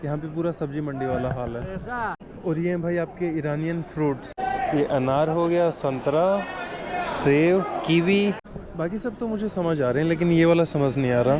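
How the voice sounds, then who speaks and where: A man's voice: on the high side, moderate pace. A man from Rajasthan vlogging casually as he walks a busy night market, chatty and joking, asking locals for words. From India, Rajasthan. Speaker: travel vlogger. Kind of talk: casual travel vlog narration. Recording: crowd noise from busy market.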